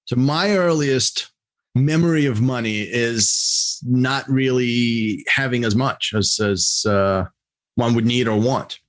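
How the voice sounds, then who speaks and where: A middle-aged executive coach who grew up in Russia answers questions as a podcast guest. He speaks casually and haltingly, with animated bursts, in a mid-range voice.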